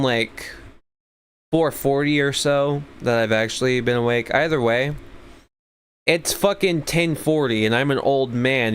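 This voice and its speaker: A man's voice: mid-range voice, fairly bright tone, a little hiss or hum. A man hosting a livestream, talking in a crude, rambling, sarcastic way and sounding sleepy. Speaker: livestream host. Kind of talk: casual profane commentary.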